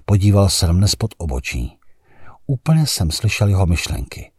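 A man narrating a literary audiobook in the first person, with an expressive, agitated delivery. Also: low-pitched, breathy edge, no echo, clean studio sound.

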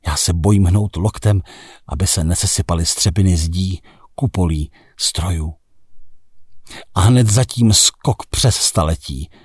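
A man narrating a first-person literary story in a measured, reflective way that turns dramatic in heated passages. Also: low voice, breathy edge, dry recording, studio quality.

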